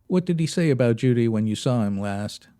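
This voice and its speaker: An actor playing a stern, by-the-book 1950s police sergeant in a comic radio drama, formal, deadpan and clipped. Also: male voice, medium pitch, fairly quick, close to an everyday voice. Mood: dry, probing. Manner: deadpan, formal, matter-of-fact.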